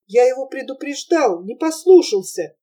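A woman's voice: high-pitched, animated, moderate pace, mellow. A woman reading as an anxious young man in love. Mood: defensive. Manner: trembling, hesitant. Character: young merchant's son, anxious and lovestruck.

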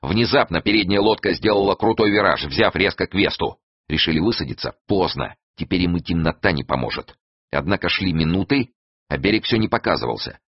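A man reading an adventure novel aloud as narrator, with expressive storytelling. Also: deep voice, brisk, slightly rough, dry recording, lo-fi sound. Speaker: audiobook narrator. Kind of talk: scripted narration.

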